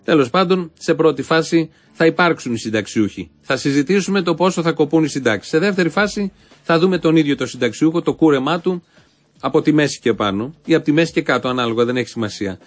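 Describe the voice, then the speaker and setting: A man's voice: fairly high pitch, expressive. A man hosting a satirical show, delivering biting, sarcastic commentary on politics. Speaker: host.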